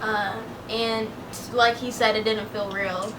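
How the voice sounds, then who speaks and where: A woman's voice: mid-range voice, takes it slowly. A twenty-year-old woman co-hosting a casual Q&A vlog, easygoing and saying "um" often. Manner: easygoing, frequent ums. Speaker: vlog co-host. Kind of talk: casual Q&A chat. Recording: distant mic with steady background noise.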